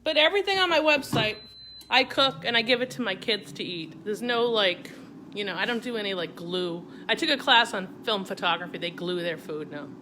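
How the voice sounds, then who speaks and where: Speaking a little fast in an animated, medium-pitched voice, a middle-aged Boston woman hosts a home cooking live stream. She chats and rambles, guiding viewers through a recipe and talking to them directly over a device mic, with a noisy background.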